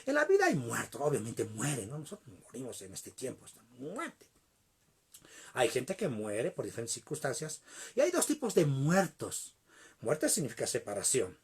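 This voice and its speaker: Man, preacher, sermon storytelling, husky, lively intonation. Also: mid-range voice. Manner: animated, addresses the congregation.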